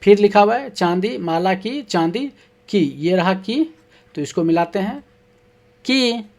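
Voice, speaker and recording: Unhurried teacher, mid-pitched voice, reads questions then answers, spells out syllables for young kids. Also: expressive, darkish tone. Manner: slow, patient, spells words out syllable by syllable. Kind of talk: explaining a children's textbook lesson.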